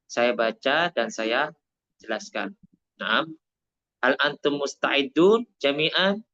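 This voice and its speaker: Speaking at medium pitch in a pushed, bright voice, a Javanese-accented Indonesian man leads an online Arabic class. He mixes Indonesian with Arabic and goes over things slowly and repeatedly so they are understood, and the sound quality is lo-fi.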